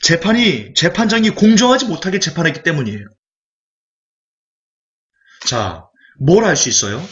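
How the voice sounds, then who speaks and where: A male evangelist preaches with a fairly high voice that leaps up and down. He keeps throwing rhetorical questions at the congregation. The recording sounds muffled and lo-fi. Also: animated, moderate pace, a bit bright. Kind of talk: sermon. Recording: dull lo-fi recording.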